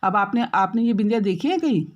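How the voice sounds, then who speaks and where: A woman teaching a school grammar lesson, explaining step by step, checking in often with her pupils and drawing out example words slowly. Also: mid-range voice, animated, lo-fi sound. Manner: drawn-out, slowed example words.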